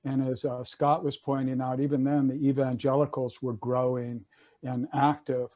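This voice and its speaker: In a warm, mid-range voice, an older man delivers his words flatly at normal speed. He is an attorney and panelist on a video call, casually going over legal history in a conversational style full of fillers and restarts.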